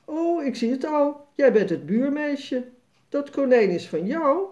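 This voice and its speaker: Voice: sits high, very animated, unhurried, darkish tone, voice pushed up. A storybook reader voicing a fussy, exclaiming middle-aged neighbor woman.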